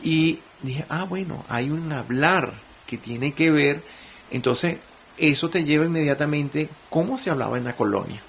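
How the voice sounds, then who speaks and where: Man, Caracas Venezuelan accent, gravelly voice, radio interview guest, animated storyteller, faint hiss. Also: on the high side, a little slow. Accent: Caracas Venezuelan Spanish. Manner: reflective, animated storyteller, many restarts. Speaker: guest musician and sound artist. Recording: faint noise, radio studio.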